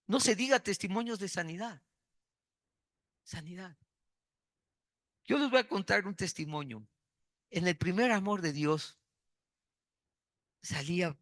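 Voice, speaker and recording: A man's voice: a little high, a bit bright, no echo, clean studio sound. A man preaching a sermon, repeating key words for emphasis and telling personal stories.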